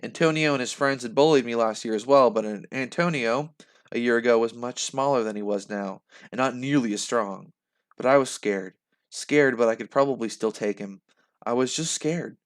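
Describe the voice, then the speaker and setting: Young male reader, animated, laughs between lines, live reaction. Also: mid-range voice, normal speed. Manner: animated, laughs and breaks off mid-sentence. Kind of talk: reading aloud with reactions.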